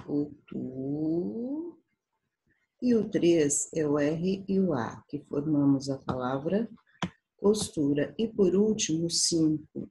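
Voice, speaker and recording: A Brazilian woman teaching a primary school class, patiently sounding out syllables slowly for young children. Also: low-pitched, warm tone, poor audio. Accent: Brazilian Portuguese. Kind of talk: slow, patient remote class lesson.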